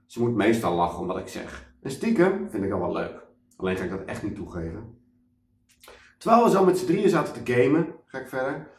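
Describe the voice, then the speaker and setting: A man reads a children's story aloud with a lively, bouncing pitch. He sits back from the mic in an echoey room, so the sound is roomy and a bit distant. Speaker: children's author reading aloud.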